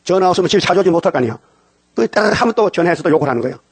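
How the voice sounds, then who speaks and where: A man's voice: high-pitched, animated, racing, husky, no room sound. An older man preaching a dawn sermon, firing questions at the congregation and answering them himself. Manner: call-and-response questions to the congregation.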